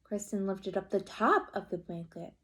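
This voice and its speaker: A woman reading a picture book aloud to children like a teacher, stopping to ask the listeners questions and have them make predictions. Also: mid-range voice. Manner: slow and expressive, asking children questions. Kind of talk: children's read-aloud storytime.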